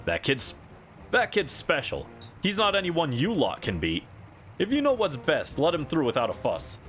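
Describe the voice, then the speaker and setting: A man voicing a gruff, confident gang boss from a video game, firm and commanding. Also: a little high, wildly swooping pitch, moderate pace, fairly bright tone, faint music behind. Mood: warning. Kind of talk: reading video game dialogue in character.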